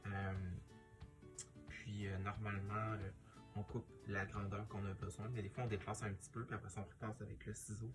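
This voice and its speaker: A man's voice: fairly low pitch, level tone, moderate pace, music in the background. A man with a Quebec French accent giving a casual hands-on tutorial, thinking aloud hesitantly as he works. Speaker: sewing tutorial host.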